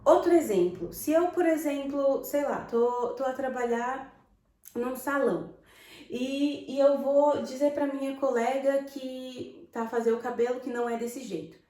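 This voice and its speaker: A Brazilian woman with a Brazilian Portuguese accent, telling stories to camera in an animated, emphatic way and thinking aloud as she goes. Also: high voice, unhurried. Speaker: vlogger. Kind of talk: casual storytelling to camera. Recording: roomy echo.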